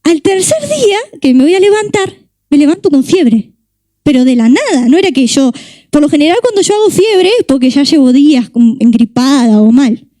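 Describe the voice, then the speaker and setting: A young woman with a Rioplatense Spanish accent preaches with passion, stacking up rhetorical questions. Her voice sits high yet sounds mellow and warm. The recording is dry and close. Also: sing-song, moderate pace, dry recording. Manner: impassioned, repetitive rhetorical questions. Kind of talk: sermon.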